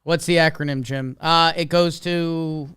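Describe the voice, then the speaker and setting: A man's voice: a little high, fairly even intonation, unhurried, a bit bright, clean tone, no room sound. A man co-hosting a podcast, chatting in a laid-back, wry way about baseball. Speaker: podcast co-host. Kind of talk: casual sports chat.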